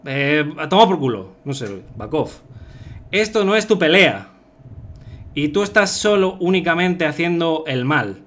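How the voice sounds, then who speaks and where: A man's voice: fairly high pitch, very animated, measured pace, a bit bright. A man streaming a game live, translating its text on the fly in a loose, rambling way full of fillers. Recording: music playing behind.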